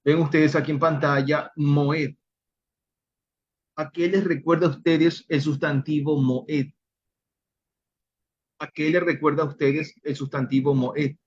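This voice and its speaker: A man teaching an online Bible study, slowly and deliberately sounding out Hebrew words for his listeners. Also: fairly high pitch, level tone, highs cut off.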